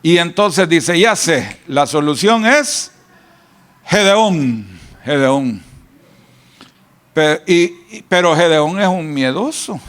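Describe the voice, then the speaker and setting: High-voiced Salvadoran preacher. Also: male voice, fairly bright tone. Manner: folksy storytelling with asides and "¿verdad?" tags. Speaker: pastor. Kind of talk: sermon.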